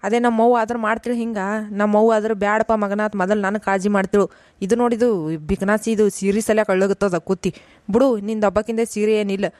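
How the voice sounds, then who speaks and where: A woman's voice: medium pitch, steady tone, darkish tone, no room sound, clean studio sound, close to an everyday voice. A woman voicing an exasperated grown son and husband in a cartoon, scolding in a North Karnataka accent. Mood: bitter. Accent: North Karnataka Kannada. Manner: scolding, fed-up, rapid complaining. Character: exasperated adult son and husband caught in family fights. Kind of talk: cartoon voice acting.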